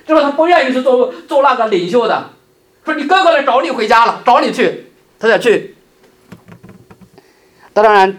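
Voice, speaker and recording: A middle-aged male pastor preaching a sermon, swinging between loud emphasis and soft, hushed asides. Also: high-pitched, breathy edge.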